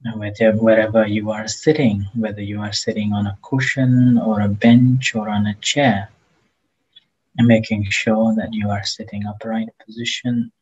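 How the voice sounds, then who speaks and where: Here a male meditation teacher leads a session in a gentle, halting manner, pausing at length between phrases. The husky, breathy voice is on the low side with little pitch movement, captured in dull audio.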